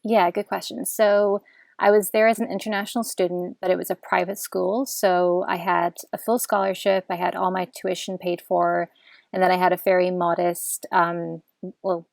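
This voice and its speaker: Twenties Scottish woman, Glasgow accent, gravelly low voice, chatty guest, dry mic. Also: no room sound. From Scotland. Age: 20s. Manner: relaxed, chatty, with fillers. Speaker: podcast guest, PhD student. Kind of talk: casual interview answers.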